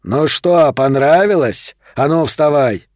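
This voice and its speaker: A man's voice: on the high side, lively intonation, slow, a little mellow, no echo, studio quality. A man growling as a brutal jeering vampire thug. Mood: menacing.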